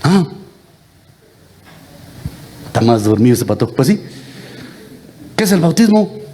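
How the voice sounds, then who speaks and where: A man's voice: medium pitch, big pitch swings, takes it slowly, warm tone, slight background noise. A Guatemalan priest giving a homily, teasing his congregation and quizzing them with the same question again and again. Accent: Guatemalan Spanish. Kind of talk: lively interactive homily. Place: church.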